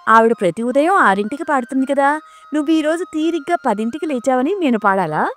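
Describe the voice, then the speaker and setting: A woman voicing a nagging, quick-tempered middle-aged mother in a spoken story, scolding in rapid complaints. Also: sits high, animated, fairly bright tone, soft background music, voice pushed up.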